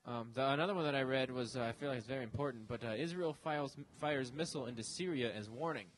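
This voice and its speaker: A man's voice: medium pitch, quick pace, slight background noise. Wry male podcast co-host. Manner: wry, deadpan, reads headlines jokingly. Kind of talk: casual banter.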